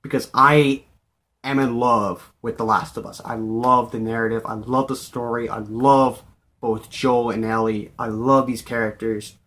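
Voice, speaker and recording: Male gaming vlogger, mid-pitched, casual and unscripted, overexcited fan who gushes and repeats himself. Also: steady tone, measured pace, a bit bright. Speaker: video game vlogger.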